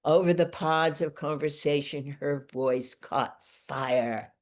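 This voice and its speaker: Slow, deliberate woman reading poems. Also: low-pitched. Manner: slow, deliberate, measured delivery. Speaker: featured poet. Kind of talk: reading her own poetry aloud.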